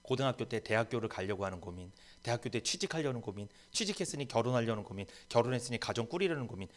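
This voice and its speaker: A man's voice: medium pitch, fairly bright tone. A man preaching a sermon as pastor, emphatic and rising to bold proclamations in a church. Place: church sanctuary.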